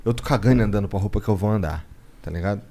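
A man's voice: on the low side, racing, mellow. A man co-hosting a podcast, chatting casually in a blunt, slangy, sweary way. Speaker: podcast co-host. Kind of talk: casual chat.

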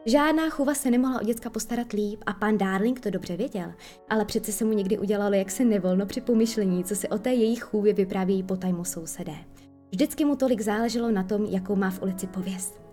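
A woman reading a children's storybook aloud, lively storytelling with small slips. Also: medium pitch, faint music behind.

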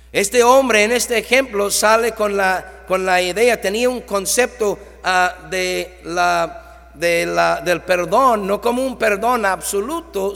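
High-voiced preacher in a reverberant hall. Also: male voice, fairly bright tone. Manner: preaching with swells and drops in volume, reading scripture aloud. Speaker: pastor. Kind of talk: sermon.

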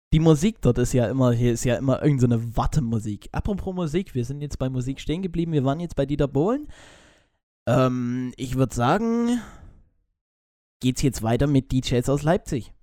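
A man's voice: medium pitch, expressive, moderate pace, a little mellow, no echo, clean studio sound. A man co-hosting a casual podcast, reading out news and chatting, with frequent stumbles and restarts. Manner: chatty, jumps between topics, stumbles and restarts. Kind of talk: casual chat.

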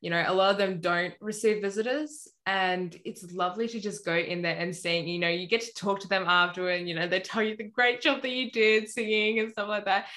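A woman's voice: medium pitch, steady tone, brisk, hardly any pauses, a bit bright. Chatty woman guest, lots of "you know". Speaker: podcast guest. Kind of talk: casual faith podcast chat.

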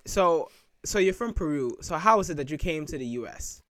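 A man's voice: a little high, lively intonation, normal speed, fairly bright tone, dry recording, studio quality. A man hosting a faith podcast interview, upbeat and effusive as he welcomes listeners and asks questions. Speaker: podcast host.

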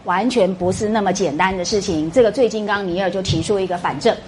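A woman's voice: medium pitch, quick pace, a little hiss or hum. A middle-aged woman giving a classroom lecture, quizzing her students with rhetorical questions and tag particles. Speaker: university lecturer.

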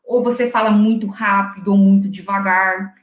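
A woman trainer who talks loudly and teaches office phone manners, acting out short phone exchanges as she goes. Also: medium pitch, fairly even intonation, moderate pace, reverberant. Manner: loud, didactic, acts out phone dialogue. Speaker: secretarial trainer. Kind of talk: instructional interview answers.

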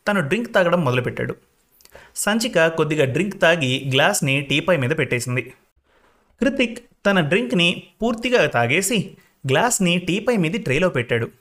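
A man reading a story aloud as narrator in a measured, even manner. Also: fairly high pitch.

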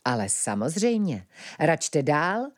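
A scheming gentlemanly villain from a children's story, mock-courteous and gloating, as a woman puts him on. His sugary politeness swings up and down in pitch. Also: very animated. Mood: oily politeness.

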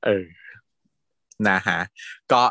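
A man casually recapping a TV drama as a podcast host, animated, laughing often and acting out lines. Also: drawn-out words, no room sound, studio quality.

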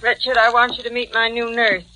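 A woman's voice: a little high, monotone, a little fast, sharp tone, slight background noise, low-quality recording. An actress in her fifties playing a jealous, demanding older wife with a nagging manner, in 1940s radio acting. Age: 50s. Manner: nagging, impatient.

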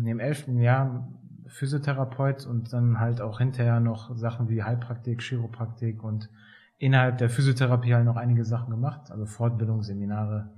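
A man in his thirties from Germany, a physiotherapist talking as a podcast guest in a relaxed way, with many fillers and hesitations. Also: medium pitch. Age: 30s. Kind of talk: casual interview talk.

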